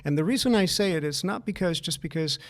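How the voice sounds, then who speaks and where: This Chilean podcast co-host, middle-aged, has a higher-pitched voice with lively intonation and a quick pace. In casual conversation he comes across as earnest, stumbling over repeated words at the start and asking "right?" again and again.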